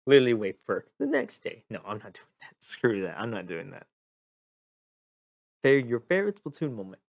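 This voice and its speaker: A young man hosting a casual gaming vlog, tired and a bit monotone, rambling and repeating himself as he talks. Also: fairly low pitch, moderate pace, creaky, no echo, studio quality. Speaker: gaming video host. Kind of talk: casual talk to camera.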